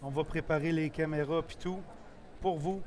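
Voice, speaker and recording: A man's voice: a little high, fairly even intonation, fairly quick, a little mellow. A man casually hosting a live sports stream, with an informal, practical way of talking. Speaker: live-stream host and technical producer. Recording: clearly noisy venue background.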